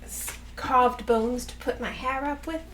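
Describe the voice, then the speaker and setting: High-voiced woman in casual game chat. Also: a little slow, a bit bright. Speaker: tabletop game player. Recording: faint background noise.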